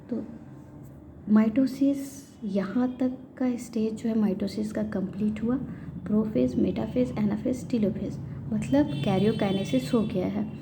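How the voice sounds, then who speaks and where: Patient woman teaching biology, mellow tone. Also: on the high side. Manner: patient, repeats checks with frequent pauses. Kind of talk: classroom lecture explanation. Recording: faint background noise.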